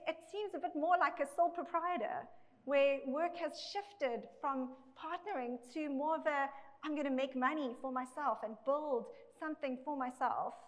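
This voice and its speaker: Woman preaching, echoing through a big hall. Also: high-pitched. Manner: conversational, often checks in with "okay". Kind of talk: sermon. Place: large church hall with a congregation. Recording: echoey recording in a big hall.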